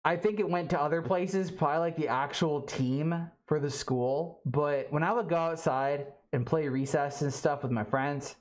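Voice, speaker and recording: Rambling, halting livestream host from Alabama. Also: medium pitch, steady tone. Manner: halting and rambling, many fillers and restarts. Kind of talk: casual livestream chat. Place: home studio.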